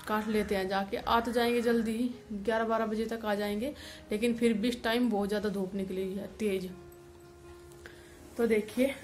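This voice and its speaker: A woman's voice: mid-range voice, darkish tone. A young woman chatting to camera from a small room at home, talking casually with lots of fillers in a wistful tone. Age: young adult. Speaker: village vlogger. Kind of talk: casual vlog talk to camera.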